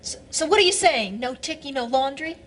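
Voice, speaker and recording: A woman's voice: high voice, animated, fairly quick, a bit bright. An actress playing a restless, defiant young woman in a soap opera. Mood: defensive, defiant. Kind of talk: television soap opera acting.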